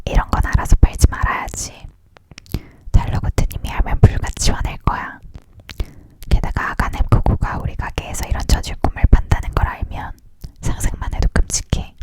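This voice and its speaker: Someone reads a story in a close, leaning-in ASMR whisper at a moderate pace, narrating and voicing the dialogue without ever using full voice.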